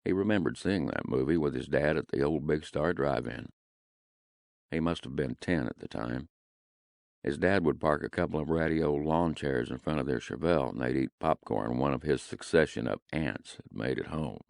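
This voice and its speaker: A man narrating an audiobook in a gritty, deadpan way, recorded close in a studio. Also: very deep voice, normal speed, creaky, dry recording.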